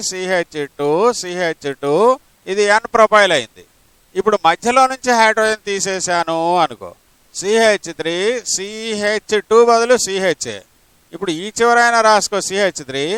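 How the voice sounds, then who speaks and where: High-voiced male chemistry teacher lecturing. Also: fairly bright tone, clean tone, no echo, low-quality recording. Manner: explains step by step, asks rhetorical questions; mixes English terms into his talk. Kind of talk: classroom lecture.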